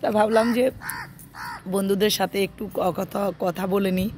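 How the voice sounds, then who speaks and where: A middle-aged woman with a hoarse voice from a cold, chatting softly and slowly with her viewers in a casual vlog, with many fillers. She talks into a handheld phone on a rooftop in the morning. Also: medium pitch, fairly even intonation, slight background noise. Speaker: vlogger.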